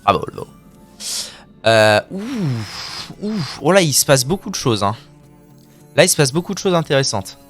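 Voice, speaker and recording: Streamer guy, pitch jumps all over, crude jokes and little sound effects, light music behind. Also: big pitch swings, quick pace. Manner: playful, crude trash talk and mouth sound effects. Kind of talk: live gameplay commentary.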